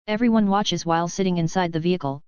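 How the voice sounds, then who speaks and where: A woman narrates an adult fiction audiobook with an even, steady reading. Her voice is very smooth and fairly low. The audio is dry and a bit dull. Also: quick pace, no room sound.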